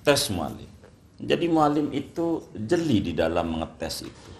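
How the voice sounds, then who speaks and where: An older man, an Islamic scholar, explaining at length in a relaxed interview and reciting Arabic text aloud. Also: lowish voice, measured pace, creaky, a little hiss or hum.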